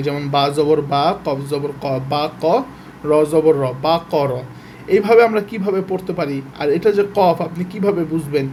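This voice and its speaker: Guy teaching quran reading online, slightly high voice, says letters slow then talks quick, bit of hiss behind. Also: a little mellow. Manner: patient, repeats letter sounds slowly then speeds up to explain.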